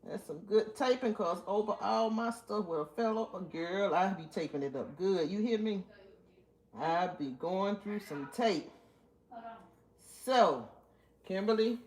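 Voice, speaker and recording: A woman hosting a casual live stream, chatting to viewers while she wraps gift baskets. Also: on the high side. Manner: chatty, talks to viewers while working, drawls some phrases. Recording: clear background noise with crinkling and clicks. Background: crinkling wrap and clicks from crafting.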